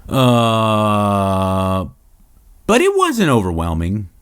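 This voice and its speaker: A man's voice: fairly low pitch, huge pitch swings, very slow, a bit bright, clean tone. A middle-aged man from Los Angeles, hosting a casual Q&A show, rambling and swearing freely. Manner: rambling, profane, lots of restarts. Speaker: podcast host. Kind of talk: casual Q&A monologue.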